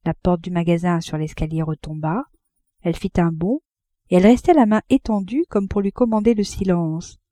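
A woman narrating a classic novel in a measured, even storytelling manner. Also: lowish voice, no echo, clean studio sound. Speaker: audiobook narrator.

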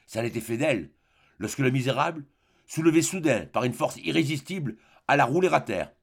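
Gravelly male audiobook narrator. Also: mid-range voice, lively intonation. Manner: measured, dramatic.

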